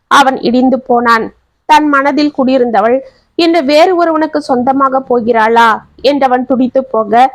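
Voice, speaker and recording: A woman narrating a family story in a steady, expressive reading voice. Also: a little high, dry recording.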